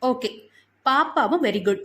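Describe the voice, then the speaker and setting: A woman playing a sharp-tongued scolding mother. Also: high-pitched, lively intonation, unhurried. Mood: curt. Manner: sharp, shouting, biting off words. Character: strict young mother, short-tempered and scolding. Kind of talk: audiobook character voice.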